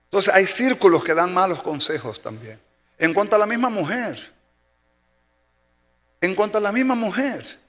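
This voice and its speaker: A male Dominican pastor preaches from the pulpit in a fairly high voice, driving home each point with repeated phrases. His voice rings through a church with a long reverb tail, and soft music hums faintly underneath. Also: lively intonation, moderate pace, pauses often. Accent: Dominican Spanish. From Dominican Republic. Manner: emphatic preaching, repeats key phrases for effect. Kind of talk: sermon. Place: church sanctuary.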